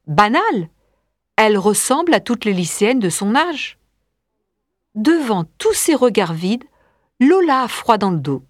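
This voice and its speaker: A woman narrating an audiobook story, reading slowly, clearly and deliberately. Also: a little high, dry recording, clean studio sound.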